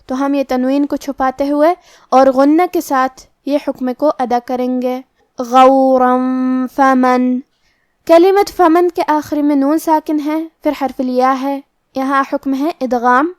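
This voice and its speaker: A woman teaching tajweed, deliberately explaining each letter's rules and slowly reciting the verses aloud. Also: high voice, darkish tone, no room sound, clean studio sound. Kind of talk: tajweed lesson with slow recitation.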